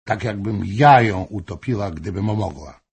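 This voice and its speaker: A man reading an audiobook, voicing a jealous, furious royal mistress in impassioned, accusing outbursts, with a husky voice. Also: fairly low pitch, lively intonation, measured pace, a little mellow, full character voice. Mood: vengeful.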